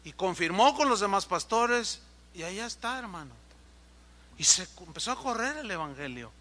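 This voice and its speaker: A man's voice: high-pitched, sing-song, moderate pace, bright, forceful tone. A man preaching a sermon as pastor, telling stories with animation and acting out the voices of the people in them.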